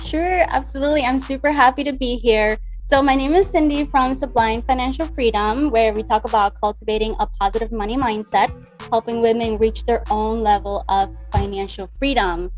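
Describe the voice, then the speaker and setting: A woman's voice: fairly high pitch, steady tone, normal speed, a little mellow, faint music behind. Upbeat talkative woman, money coach. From Dominican Republic. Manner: upbeat, talkative, acts out past conversations. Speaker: guest, money mindset coach. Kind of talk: conversational interview.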